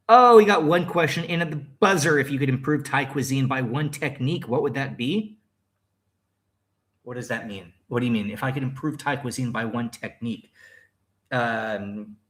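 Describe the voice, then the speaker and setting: Speaking in a mid-range voice that's a bit bright, a man in his thirties chats through viewer questions on a casual livestream. He's at home in Thailand, and his answers ramble, full of fillers and restarts.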